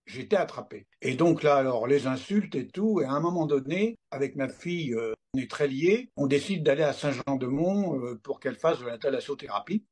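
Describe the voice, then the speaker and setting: A man's voice: mid-range voice, animated, moderate pace, darkish tone, husky. A man in his seventies, a guest telling his own story in casual talk, acting out remembered dialogue as he goes. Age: 70s. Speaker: interview guest.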